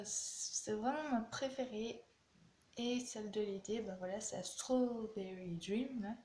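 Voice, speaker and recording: A young woman vlogger chatting bluntly and animatedly through a casual beauty product review. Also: mid-range voice. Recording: echoey room with faint noise.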